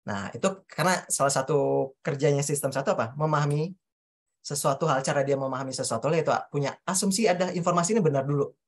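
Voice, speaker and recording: A woman with a low, deep voice leads a workshop before an audience. She talks straight to her listeners and acts out sample questions in their voice. She often stops and restarts mid-sentence as she explains. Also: fast. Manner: addresses the audience directly, acts out example questions; hesitant restarts while explaining. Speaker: speaker at a coaching talk. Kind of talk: presenting a workshop on self-questioning. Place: talk venue before an audience.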